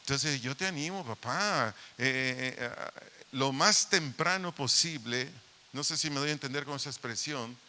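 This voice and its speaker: A man's voice: mid-range voice, bright, forceful tone. A man preaching a sermon as pastor, emphatic and repeatedly addressing the parents directly. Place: church meeting hall.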